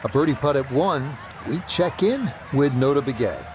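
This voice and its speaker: A man's voice: mid-range voice, animated, normal speed, lightly acted. A man playing a lead golf commentator in a video game, giving television-style commentary on play. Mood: measured. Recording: music and crowd noise behind. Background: loud music, outdoor golf crowd.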